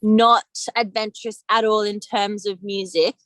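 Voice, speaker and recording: A woman's voice: medium pitch, little pitch movement, unhurried. A woman chatting playfully as a band member in a casual interview. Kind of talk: casual chat.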